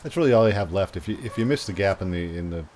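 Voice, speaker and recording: A man's voice: low-pitched, animated, racing, darkish tone, a little hiss or hum. A man giving casual, plain-spoken commentary on a disc golf course, explaining how it plays.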